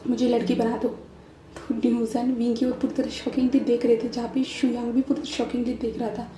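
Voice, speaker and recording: A woman's voice: on the high side, little pitch movement, moderate pace, dark tone, slight background noise. A woman casually retelling a fan story as narrator, chatty with frequent fillers. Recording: echoey room.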